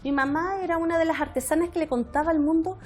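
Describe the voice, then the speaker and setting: High-voiced woman in her fifties. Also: fast. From Chile. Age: 50s. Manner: warm reflective storytelling, frequent hesitations. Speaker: member of parliament, guest. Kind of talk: conversational interview.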